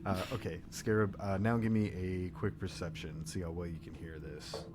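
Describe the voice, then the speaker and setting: A man's voice: deep voice, flat delivery, normal speed. A man acting as game master, casually narrating and giving rulings in a tabletop game. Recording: clear background noise.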